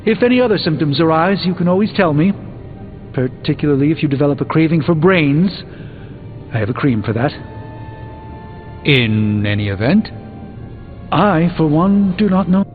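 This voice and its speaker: An actor playing an erudite, proud, guilt-burdened middle-aged sorcerer doctor in a video game, speaking formally in measured, articulate phrases. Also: male voice, fairly high pitch, lively intonation, phone-quality sound, lightly acted. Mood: wry, clinical. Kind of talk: video game dialogue acting. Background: background music.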